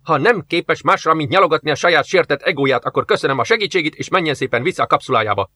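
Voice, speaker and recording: A man voicing a hot-tempered male first officer who gives sharp, commanding orders. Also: fairly high pitch, animated. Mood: furious.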